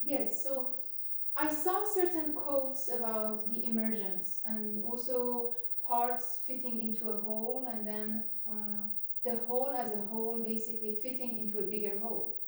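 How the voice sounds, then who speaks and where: A woman from Iran talks in a reflective, hesitant way, circling her ideas with fillers and restarts. Her voice sits a little high but sounds mellow and soft-edged. The room is very echoey and she is heard from some distance off the mic. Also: fairly even intonation, moderate pace. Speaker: interview guest, complexity scientist. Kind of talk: reflective conversational interview. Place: campus room. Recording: roomy echo, mic at a distance.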